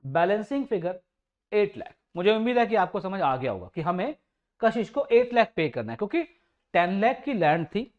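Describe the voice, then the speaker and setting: A man's voice: high voice, very animated, moderate pace, muffled recording. A male teacher giving a classroom lecture, affectionate with his students, repeating points and quizzing the class. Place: coaching classroom.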